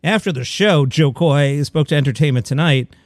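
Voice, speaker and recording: Speaking at normal speed in a slightly high voice, a man hosts a comedy news podcast with no echo on the audio. He reads the stories and offers wry, opinionated asides in partly scripted commentary.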